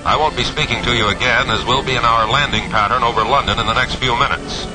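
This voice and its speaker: An actor playing a composed airline captain, making a formal cabin announcement to passengers in a calm, measured way. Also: male voice, mid-range voice, over music, natural voice, poor audio. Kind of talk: cabin announcement over the intercom.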